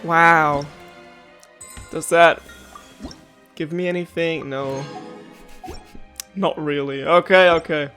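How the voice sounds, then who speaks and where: A man's voice: fairly high pitch, steady tone, takes it slowly, long pauses, fairly bright tone, faint music behind. A man hosting a gameplay video, chatting casually in a rambling, easily sidetracked way.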